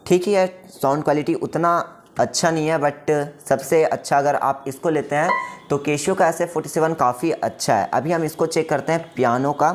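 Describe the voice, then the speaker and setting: A man's voice: a little high, normal speed, loud music behind the voice. A man giving a casual product demo, explaining each step and often checking in with the viewer. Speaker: music shop staff demonstrating a keyboard. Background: faint keyboard tones.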